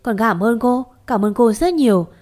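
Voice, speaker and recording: A woman's voice: on the high side, expressive, moderate pace, a little mellow. A woman voicing an earnest young man who pleads and stammers as he searches for his lost love.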